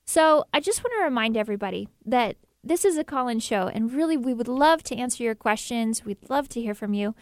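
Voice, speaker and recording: A woman's voice: on the high side, lively intonation, a little fast, few pauses, no room sound, studio quality. A woman hosting a call-in talk show, upbeat and affirming toward her co-host.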